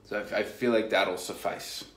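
A man's voice: medium pitch, normal speed, a bit bright. A man in his thirties chatting casually to camera as a vlogger. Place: small tiled home bathroom. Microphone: phone at arm's length or propped nearby. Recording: roomy bathroom echo, distant mic, background noise.

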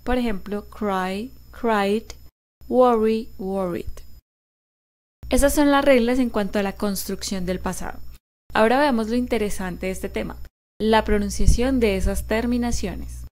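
A woman's voice: fairly high pitch, a little mellow. A woman teaching grammar in a cheerful, careful way. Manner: cheerful, slow and careful, repeating words for practice. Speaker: English teacher. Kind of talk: explaining grammar to a camera.

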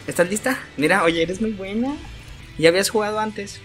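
A woman with a Mexican accent playing a video game alongside a child, coaxing, cheering and yelling at enemies. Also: medium pitch, moderate pace. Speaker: gaming channel host. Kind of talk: casual gameplay chat with a child. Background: game music.

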